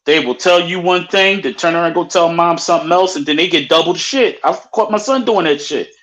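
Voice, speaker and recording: A man's voice: on the high side, fairly quick, fairly bright tone, low-quality recording. Man with a blunt, profane casual manner. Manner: blunt, profane, reading viewer comments aloud. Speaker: co-host. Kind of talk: casual live-stream chat.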